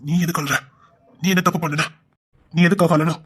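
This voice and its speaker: A man with a Tirunelveli Tamil accent performing a dramatic story, moving between hushed whispers and angry shouts. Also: on the high side, steady tone, brisk, husky. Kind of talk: dramatic audio story acting.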